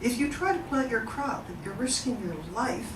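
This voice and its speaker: Moderating a live event in an informal presentation, a woman speaks at a moderate pace in a slightly high, expressive voice, eager and chatty and often turning to the crowd with questions. The mic is far off in a big, echoing hall, and a steady background noise runs underneath.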